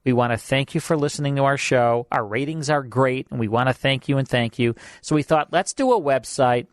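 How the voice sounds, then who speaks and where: A man hosts a radio show in a studio, speaking briskly at medium pitch as he chats casually with his co-host and reads promos. He's chatty, repeats himself and uses plenty of fillers, and the studio mic recording is dry.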